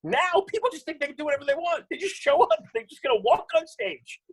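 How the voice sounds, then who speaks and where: A man's voice: very high voice, fast talker, creaky. Blunt, profane man telling stories. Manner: profane, blunt, animated storyteller. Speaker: comedian guest. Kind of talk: casual podcast chat, storytelling.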